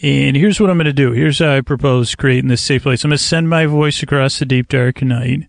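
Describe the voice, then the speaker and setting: A man with a creaky, medium-pitched voice hosts a sleep podcast from a kayak on a river outdoors, delivering a rambling, soothing monologue in a lulling way. He often halts to correct himself and wanders into tangents, and there's no echo.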